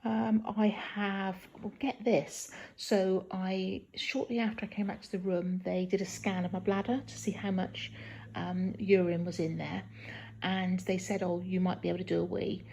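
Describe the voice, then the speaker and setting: A woman talking casually in a halting video diary from a hospital room, sounding weak and tired and in some pain hours after surgery. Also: medium pitch, level tone, mellow, a little hiss or hum. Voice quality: husky, creaky. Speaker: patient recording a post-op video diary.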